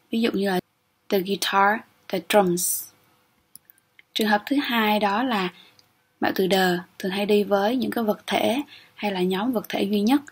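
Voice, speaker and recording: Her pitch sits in the medium range, with a breathy edge to it. This young woman is teaching English grammar for exam preparation, breaking things down one step at a time and regularly asking "ok?" to make sure students follow.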